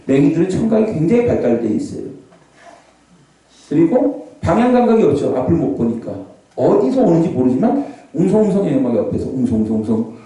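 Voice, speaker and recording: A man preaching a revival sermon as a pastor, animated, sometimes shouting out scripture cries. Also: high voice, fairly quick. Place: large prayer hall. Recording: echoey hall, voice from far off.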